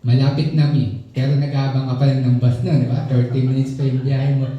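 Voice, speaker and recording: Dark-voiced Filipino pastor in an echoey hall. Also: male voice, mid-range voice, level tone, a little fast, distant mic. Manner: chatty and joking, keeps asking the congregation "di ba?". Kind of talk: conversational sermon. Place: church hall. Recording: very echoey, dull church room.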